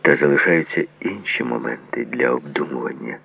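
A curt, guarded gamekeeper read by a man in a very deep, gravelly voice. He answers in short, clipped phrases. The sound is thin and lo-fi, as if heard over a phone line. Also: normal speed, heavily acted. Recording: tinny phone-like lo-fi audio.

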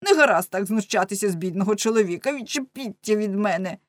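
A woman's voice: mid-range voice, expressive, fast, no echo, natural voice. A woman voicing a plump, flustered middle-aged man who whines and protests indignantly. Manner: indignant, whining.

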